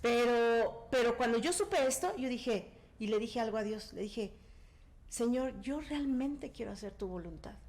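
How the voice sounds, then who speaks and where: A woman's voice: fairly high pitch, measured pace. A woman, telling a personal story as a guest and acting out the dialogue. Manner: animated storyteller, acts out quoted dialogue. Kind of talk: casual testimony.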